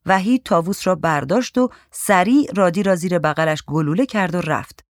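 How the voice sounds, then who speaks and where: A narrator reading a short story aloud in a calm, even literary manner. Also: mid-range voice, no echo, studio quality.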